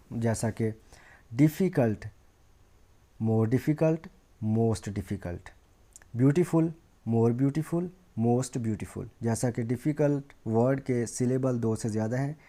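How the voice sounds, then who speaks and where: A man teaching a grammar lesson. He explains slowly and reads the English examples aloud. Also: medium pitch, dark tone.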